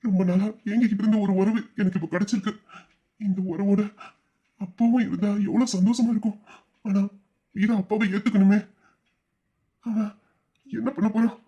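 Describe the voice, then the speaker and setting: A devoted young elder brother from an audio story, voiced by a man. His voice sits high for a man, yet he speaks softly and earnestly, often dropping low and quiet. He sounds protective and caring. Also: steady tone, moderate pace, pauses often, breathy edge, muffled recording. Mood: worried. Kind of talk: emotional audio-drama acting.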